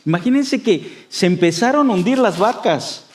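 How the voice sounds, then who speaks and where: Man, pastor, sermon, fairly high voice, conversational, lots of fillers and restarts, acts out quoted voices. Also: lively intonation, moderate pace, a little hiss or hum.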